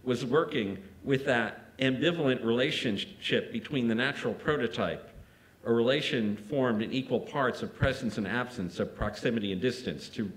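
A man reading an art-history lecture aloud at a museum. His pitch sits in the middle range for a man. He speaks in a measured way and now and then stops to correct himself or add a quick aside. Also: poor audio. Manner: measured, with small restarts and asides.

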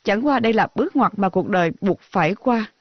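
A woman dubbing a sharp-tongued, jilted young woman teacher in a TV drama, defiant and biting. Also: medium pitch, animated, fairly quick, no echo, natural voice. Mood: lecturing. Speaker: dub actress. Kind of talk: dubbed TV drama acting. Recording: dull lo-fi dub audio.

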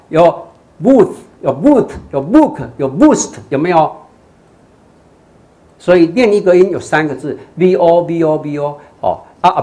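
Lively older monk with a Taiwanese accent. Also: male voice, fairly high pitch. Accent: Taiwanese Mandarin. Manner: spells words out letter by letter, slipping into Taiwanese Hokkien. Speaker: Buddhist monk teaching English. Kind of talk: televised lecture.

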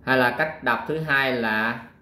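A male math teacher works through a worksheet, counting squares aloud in a slow, patient way. He pauses often with fillers, and his voice sits at a middling pitch. A roomy echo hangs around his voice. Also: pushed and bright. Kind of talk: worksheet walkthrough lesson.

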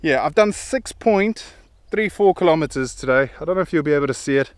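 Middle-aged man, rambling casual vlog, slightly high voice, smooth clear tone, close dry sound outdoors. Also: animated, fairly quick, no echo. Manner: chatty, rambling, enthusiastic. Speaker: vlogger. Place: outdoors on a hillside.

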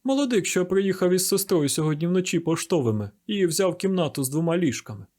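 A man's voice: high voice, animated, brisk, warm tone, voice pushed up. A man reading an audiobook, voicing a fretful male innkeeper who talks in a hurry. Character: anxious male country innkeeper.

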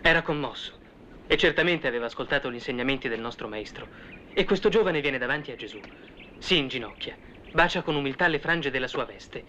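An actor playing an eager male disciple who recounts events to listeners in lively, conversational storytelling with asides, in a 1970s film drama. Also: mid-range voice, brisk. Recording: dull old film soundtrack with faint hiss.

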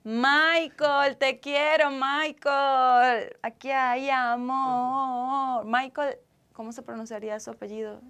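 A young Venezuelan woman from Caracas chats with her live stream audience, responding to comments casually and expressively in her native accent from a small room fitted with a couch and acoustic foam. Her voice is high, a bit bright and clean in tone, delivered slowly and flatly.

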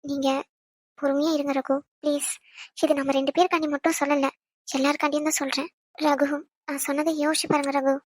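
A woman voicing a young pregnant wife in a cartoon family drama, calmly pleading and reasoning. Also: high voice, fairly quick, pauses often, no echo, natural voice. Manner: pleading and persuading.

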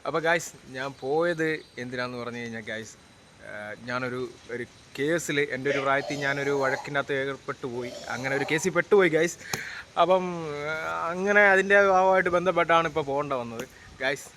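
A man's voice: medium pitch, brisk. A young man from Kerala talking casually to his viewers as a vlogger, calling them guys and hesitating with fillers. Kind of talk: casual vlog talk to camera. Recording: clear background noise.

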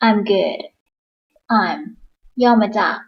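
Slow patient woman teaching beginners. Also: medium pitch, vocal fry, muffled recording. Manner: patient, repeats each phrase slowly. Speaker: English teacher. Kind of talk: slow instructional explanation.

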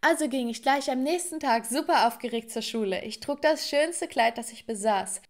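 A woman's voice: fairly high pitch, moderate pace. A young woman narrating a scripted first-person story and talking straight to viewers.

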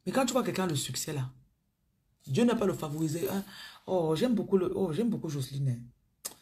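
A woman with a Cameroonian accent speaks in a deeply husky, breathy voice. She preaches to her viewers over a phone stream in a chatty way. Her voice often sinks into low murmurs and whispers. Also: expressive, normal speed, a little mellow. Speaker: spiritual coach on a live stream.

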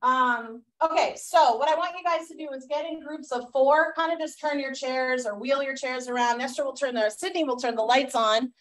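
A woman's voice: high voice, normal speed, hardly any pauses, a bit bright. A woman with a Boston accent leading a real estate training class, chatty and loose with fillers and restarts. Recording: echoey room, mic far off.

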